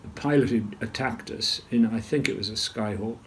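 An older man recalls events at a measured storytelling pace in an interview, often clearing his throat. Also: fairly low pitch. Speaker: retired naval officer interviewee. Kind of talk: interview recollection.

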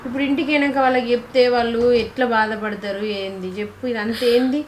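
A woman's voice: a little high, fairly even intonation, fast talker, echoey room, slight background noise, natural voice. A woman playing a caring young sister-in-law. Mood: coaxing. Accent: Telangana Telugu. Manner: consoling, coaxing, with many questions. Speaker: actor in a village short film. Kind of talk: village drama acting.

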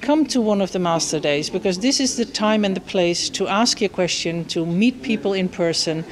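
A woman's voice: medium pitch, lively intonation, moderate pace. A middle-aged woman from student services, directly inviting listeners to visit. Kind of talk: promotional invitation.

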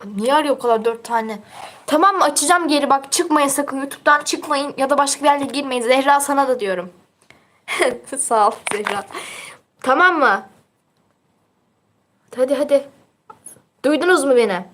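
A woman's voice: high voice, normal speed, pauses often, fairly bright tone, a little hiss or hum. A teenage girl chatting casually on her livestream, reading out viewer comments in a teasing, chatty way and laughing often.

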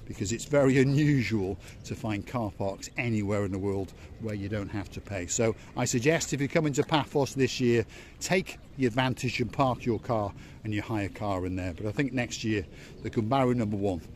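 Older man, vlog host, jokey tour-guide patter, outdoors, faint street noise. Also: lowish voice. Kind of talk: casual walking vlog narration. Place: outdoors by a seaside harbour promenade.

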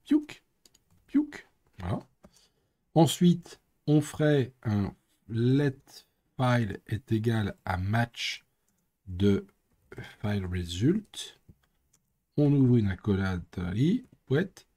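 A man's voice: lowish voice, lively intonation, slow pace, pauses often, mellow. A man streaming live coding, thinking aloud and muttering with playful sound effects. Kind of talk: casual live coding commentary.

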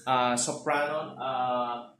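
A man's voice: mid-range voice, fairly even intonation, drawn-out words, fairly bright tone. A man from the Philippines giving a casual online choir lesson. He explains patiently and keeps checking in with his listeners through short tag questions. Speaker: choral music teacher. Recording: roomy echo with faint noise.

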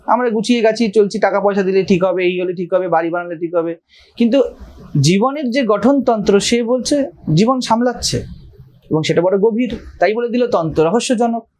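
High-voiced man giving a spiritual talk. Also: fairly quick, darkish tone. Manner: explanatory, checks understanding with rhetorical questions. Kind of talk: spiritual discourse.

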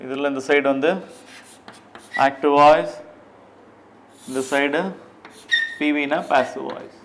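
Tamil-accented male teacher, unhurried and methodical, steps through grammar drills phrase by phrase. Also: a little high, steady tone, a little hiss or hum. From Tamil Nadu, India. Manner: slow and deliberate, drills English phrases one by one. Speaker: English teacher. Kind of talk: spoken grammar lesson.

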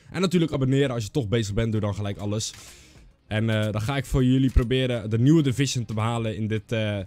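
Speaking into a close boom microphone at his indoor streaming setup, this young streamer has a medium-pitched, slightly mellow voice captured in a dry recording. He's congested from a cold and peppers his relaxed gameplay commentary with English slang.

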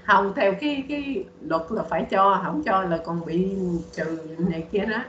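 A woman's voice: medium pitch, normal speed, fairly bright tone, muffled recording, slight background noise. Roomy-sounding woman teacher. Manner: patient, repeats words for drilling. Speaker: English teacher. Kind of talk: online bilingual English lesson.

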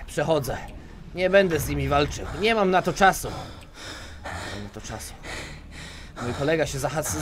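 A man giving let's play commentary, talking to himself and switching between low mutters and sudden yelps. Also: fairly bright tone, slight background noise. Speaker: gaming YouTuber.

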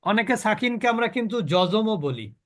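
A man teaching a recitation class, patiently repeating key points, quizzing his students and slowly demonstrating letter sounds. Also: high-pitched, lively intonation, a bit bright. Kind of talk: online tajweed class.

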